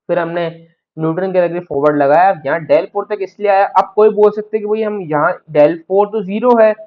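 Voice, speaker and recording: Male tutor, high pitch, patient step-by-step explainer, muffled lo-fi recording. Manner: explains step by step, repeats "है ना" check-ins. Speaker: maths tutor. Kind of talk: recorded math lecture.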